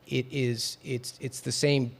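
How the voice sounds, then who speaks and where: A man in his late fifties, a podcast guest who talks in halting bursts and repeats words when pressed. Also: mid-range voice, little pitch movement, vocal fry. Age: 50s. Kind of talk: debating in a podcast interview.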